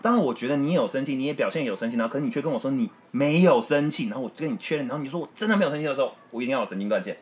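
A young man, co-hosting a podcast as casual chat in a camping tent, animated and joking. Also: medium pitch, very fast, few pauses. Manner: animated, joking, retells quarrels. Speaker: podcast co-host.

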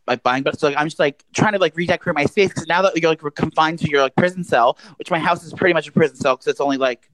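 A woman's voice: deep voice, no echo, rough recording. A woman hosting a podcast from her apartment, chatting casually in a rambling way full of fillers and a bit out of breath. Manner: rambling, filler-heavy storytelling. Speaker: podcast host. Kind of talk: casual chat.

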